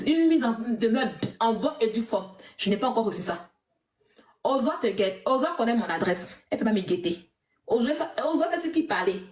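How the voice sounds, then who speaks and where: A high-voiced woman rants defiantly on a livestream, mocking her critics and laughing with scorn. Her voice rings in an echoey room. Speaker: social media personality. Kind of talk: heated livestream rant.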